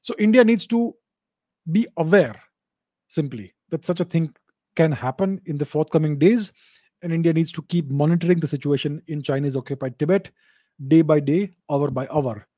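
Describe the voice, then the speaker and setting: A middle-aged man hosting a live video Q&A, talking into a close studio microphone in a home study. He explains in a measured way and repeats his key points. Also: fairly high pitch, mellow, dry recording. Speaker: host answering live video call questions. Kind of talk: live video chat Q&A on geopolitics. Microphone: studio mic on a boom arm, close.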